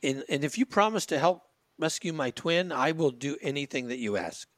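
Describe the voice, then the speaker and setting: A man's voice: a little high, lively intonation, normal speed, dry recording, natural voice. A man voicing an earnest male mechanic who pleads for help rescuing his twin. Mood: pleading.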